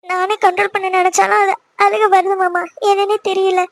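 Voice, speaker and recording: A woman's voice: extremely high pitch, steady tone, fast talker, dry recording. A woman voicing a young cartoon wife who has just learned she is pregnant, tearful and shy by turns. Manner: tearful, then coy and teasing. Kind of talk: cartoon voice acting.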